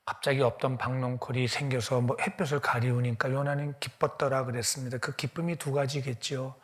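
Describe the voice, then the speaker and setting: A male pastor preaching a sermon, asking his congregation questions and sometimes dropping to a whisper. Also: medium pitch. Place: church.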